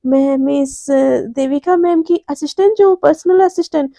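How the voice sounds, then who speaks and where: A woman's voice: sits high, normal speed, dark tone, no room sound, studio quality. A woman doing a cheeky young assistant. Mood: teasing. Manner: teasing, sweetly cheeky.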